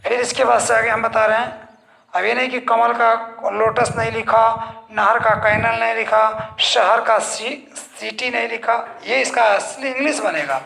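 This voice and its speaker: A man's voice: very high-pitched, completely flat delivery, a little slow, vocal fry, bright, forceful tone. A man teaching young children to spell words in English, sounding out each word letter by letter and repeating it. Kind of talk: slow spelling lesson for children. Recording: echoey room.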